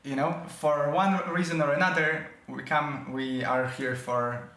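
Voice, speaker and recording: A man's voice: on the high side, fairly even intonation, bright, forceful tone, reverberant. A man hosting a podcast, talking casually and in a friendly way, with frequent fillers and restarts. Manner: friendly, chatty, halting with fillers. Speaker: podcast host.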